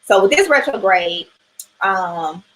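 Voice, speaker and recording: A woman's voice: medium pitch, lively intonation, slow, a bit bright, low-quality recording. A woman talking through a weekly astrology reading in a casual livestream, chatty and loose, swearing now and then and asking "right?" a lot. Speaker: tarot and astrology reader.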